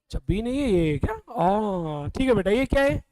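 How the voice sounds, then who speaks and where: High-voiced Indian teacher quizzing a class. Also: male voice, big pitch swings, normal speed, warm tone, dry recording, rough recording. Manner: scolding, quizzing students, calling them beta. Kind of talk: classroom revision lecture.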